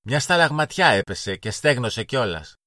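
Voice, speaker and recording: A man's voice: medium pitch, big pitch swings, sharp tone, dry recording, clean studio sound, voice pushed up. A man voicing a small girl in a children's storybook reading; she talks earnestly, like a wise little old woman. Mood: offended. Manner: earnest, prim, lecturing.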